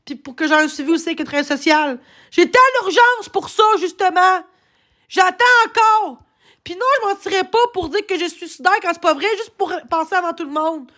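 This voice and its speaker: A woman's voice: extremely high pitch, fast talker, few pauses, fairly bright tone. A woman with a Québécois French accent talking on a live stream, agitated and rambling, swearing often as she complains. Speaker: livestreamer. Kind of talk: casual live-stream rant.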